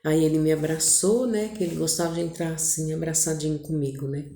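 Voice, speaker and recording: A woman telling her viewers a personal family story in an intimate, animated way, acting out what each person said. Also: low-pitched, brisk, vocal fry. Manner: intimate, animated retelling with voiced quotes. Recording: echoey room.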